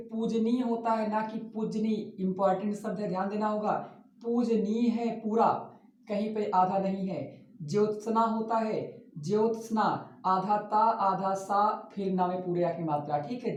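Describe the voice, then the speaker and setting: A male teacher gives a spelling lesson for exam students, repeating each word slowly to drill its correct form. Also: sits high, a little mellow. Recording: roomy, distant, dull lo-fi classroom recording.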